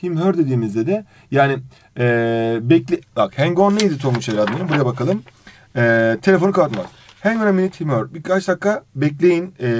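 A man's voice: a little high, slight background noise. A man teaching an exam review lesson, reading out English phrases and translating each one while fondly addressing his student. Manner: animated intonation.

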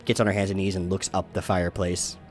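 A man narrating as game master in a relaxed, rambling way. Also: deep voice, quick pace, faint music behind. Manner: relaxed, filler-laden.

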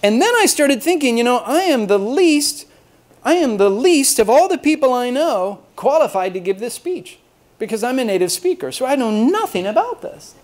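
His voice is very high and sing-song, darkish in tone, at a moderate pace. He's an American lecturer from Austin, Texas, giving colleagues a loose, comic talk that wanders through self-deprecating, jokey tales.

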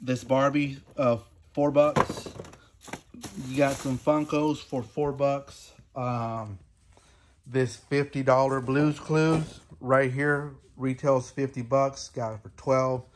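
A man in his thirties or forties talks casually and haltingly as a vlog host, recorded in his garage during a thunderstorm. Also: mid-range voice, fairly even intonation. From Houston, Texas. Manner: halting, unscripted delivery. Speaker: host of a toy reselling channel. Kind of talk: casual vlog, showing clearance finds. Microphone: phone at arm's length, handheld camera. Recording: faint-to-clear background noise in garage. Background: rain and thunder noise, clicks.

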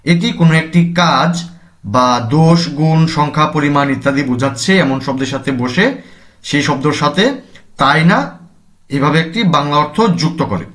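A man's voice: a little high, normal speed, fairly bright tone. A man teaching a language class, explaining grammar step by step and answering his own questions.

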